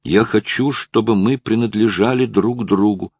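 A man reading the lines of a proud young woman in love, in a soft, subdued voice. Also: fairly low pitch, normal speed, breathy edge. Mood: anguished.

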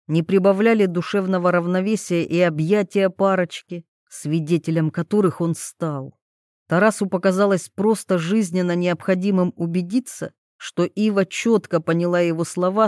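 A woman reading a novel aloud as narrator, with steady, even storytelling. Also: fairly low pitch, no echo, clean studio sound. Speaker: audiobook narrator. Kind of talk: scripted narration.

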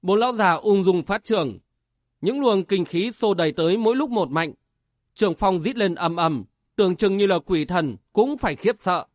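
A man's voice: high-pitched, lively intonation, normal speed, no echo, clean studio sound. A man narrating a martial-arts novel as an audiobook with vivid, dramatic storytelling.

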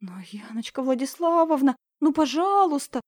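A woman's voice: sits high, animated, normal speed, pitched above the performer's own voice. A woman reading an audiobook, voicing a spiteful schoolgirl who whines and pleads. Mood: whiny. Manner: whiny, pleading.

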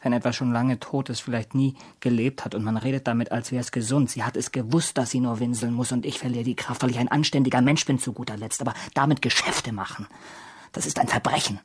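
An actor in a radio play voicing a bitter, lonely young soldier who speaks in a brooding, clipped way and often whispers. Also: male voice, mid-range voice, steady tone, quick pace, husky, natural voice. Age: young adult.

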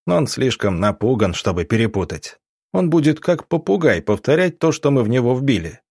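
A man voicing a calm, cunning doctor who speaks in measured, deceptively kind tones. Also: mid-range voice, slightly rough, no echo, studio quality. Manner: calm, measured, turning cold.

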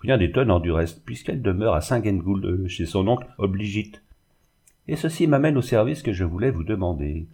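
A man's voice: on the low side, animated, normal speed, warm tone, husky. A man reading the part of a bitter, sarcastic middle-aged glassmaker in a storybook reading. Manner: sarcastic and sneering.

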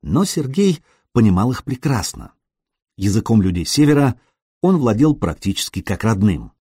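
A male audiobook narrator with a husky, slightly breathy voice and a pitch that rises and falls a lot. He reads in an expressive, storytelling style, recorded close up in a dry room. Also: normal speed, no room sound. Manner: expressive reading that briefly acts out the characters.

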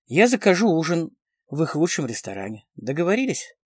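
A man voicing a suave fortyish baritone charmer. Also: sing-song, a little fast, no echo, clean studio sound. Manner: smooth, ingratiating, confident.

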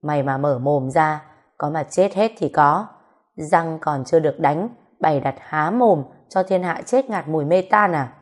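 A woman voicing a blunt, foul-mouthed grown woman who scolds roughly in a storybook reading. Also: sits low, unhurried. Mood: scolding. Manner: rough, scolding, swears freely.

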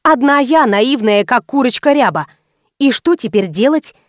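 A woman's voice: high-pitched, expressive, moderate pace, no room sound. Woman reading a wry story, dry and close. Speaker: audiobook reader. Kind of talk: first-person audiobook narration.

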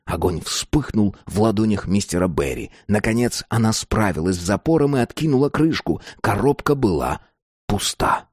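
A man narrating a story in a measured, expressive reading. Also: fairly low pitch, no echo, studio quality. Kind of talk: scripted narration.

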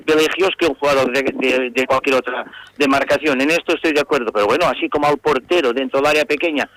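A man's voice: mid-range voice, fast talker, fairly bright tone, dry recording, rough recording. A man talking as a football pundit on a radio show, indignant and repeating himself as he rants about a match. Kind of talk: heated sports radio debate.

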